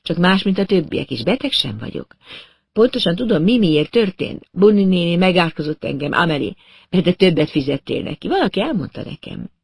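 A man puts on a high, pressing voice for a deranged young woman in an audiobook, fixated and menacing, her lines coming in a feverish rush. It is a dry, close recording. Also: very animated, gravelly, slightly rough, no echo, heavily acted. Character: unhinged young woman, obsessive and vengeful. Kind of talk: audiobook reading.

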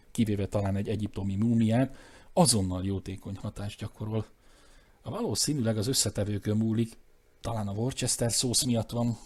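A man with a somewhat low voice tells a comic tale in lively storytelling narration. He slips into other voices for the characters' lines and then drops back to his own for the telling. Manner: lively, shifts pitch for quoted characters. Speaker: audiobook narrator.

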